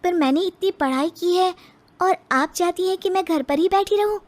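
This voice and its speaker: A woman's voice: very high voice, normal speed, a little mellow, voice pushed up. A woman voicing an educated, assertive young bride-to-be in a cartoon story. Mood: indignant.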